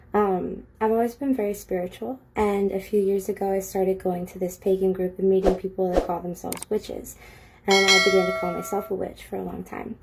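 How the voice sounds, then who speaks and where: Husky, hesitant woman explaining herself. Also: medium pitch. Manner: hesitant, soft, earnest. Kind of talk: confessional video monologue.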